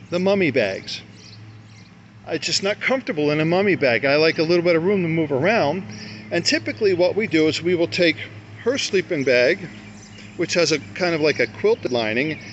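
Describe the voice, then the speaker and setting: This older motorcycle camping vlogger has a slightly high, fairly bright voice as he casually displays his gear on camera at a grassy campsite. His talk is folksy and rambling, full of self-corrections, and the outdoor recording sounds dull and lo-fi with faint background noise.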